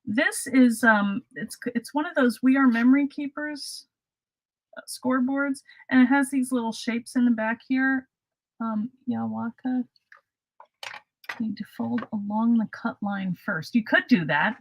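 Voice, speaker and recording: A woman's voice: on the high side, poor audio. A middle-aged woman hosting a casual live craft demonstration, chatty and self-deprecating, laughing at her own slips. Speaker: craft host.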